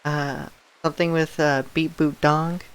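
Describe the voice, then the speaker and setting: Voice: medium pitch, level tone, unhurried, fairly bright tone, smooth. A live streamer giving casual gameplay commentary, musing aloud and thinking through each choice.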